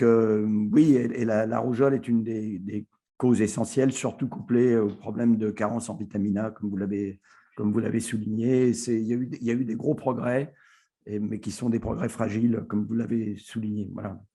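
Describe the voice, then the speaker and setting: Hesitant low-voiced man answering questions. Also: fairly even intonation, normal speed, mellow, breathy edge. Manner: hesitant, many fillers and restarts. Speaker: invited expert answering questions. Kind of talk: conference Q&A answer.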